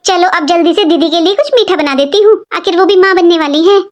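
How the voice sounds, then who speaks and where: A performer voicing a sad, pregnant young daughter-in-law who pleads and complains softly in a cartoon story. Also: very high voice, fast. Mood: plaintive. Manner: plaintive, pleading. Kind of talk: animated cartoon voice acting.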